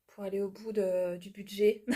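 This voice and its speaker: A woman with a stuffy nose from a cold, chatting casually through a craft unboxing and often dropping to a soft murmur. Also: mid-range voice, little pitch movement, measured pace. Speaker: cross-stitch vlogger.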